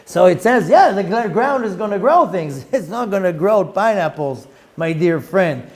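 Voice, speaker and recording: In a high-pitched voice, a middle-aged Israeli-accented rabbi gives a Torah lesson on the Zohar. Rapid Hebrew reading is followed by English explanation peppered with lively rhetorical questions.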